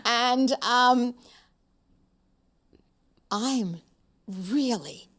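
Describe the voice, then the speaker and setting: A woman's voice: fairly high pitch, very slow, fairly bright tone. A woman in her seventies, a podcast interview guest, speaking frankly and emphatically with frequent "um" fillers. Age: 70s.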